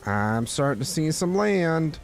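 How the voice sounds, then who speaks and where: A man's voice: on the high side, big pitch swings, unhurried, soft background music. A man casually commenting on his gameplay in a joking, wry way. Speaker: gameplay host. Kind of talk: casual let's-play commentary.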